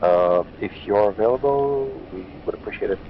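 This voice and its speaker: A man's voice: lowish voice, normal speed. A man calling in over a radio with static bursts as a ground squad leader, using clipped military radio procedure with hesitant fillers. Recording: lo-fi radio sound with faint hiss.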